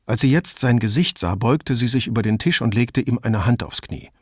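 A man narrating a novel as an audiobook reader, with an expressive, measured reading. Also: medium pitch, breathy edge, dry recording, clean studio sound. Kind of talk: scripted narration.

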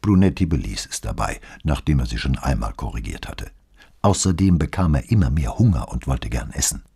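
A man reading a novel aloud as audiobook narrator, with expressive storytelling delivery. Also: extremely low pitch, brisk, creaky, breathy edge. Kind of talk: scripted narration.

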